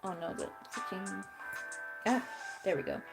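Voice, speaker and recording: A young adult woman who hosts a crochet channel chats casually as she works, talking to herself and muttering her frustrations. Her voice is mid-range, expressive and young-sounding, with vocal fry and an unhurried pace. Music plays underneath the recording.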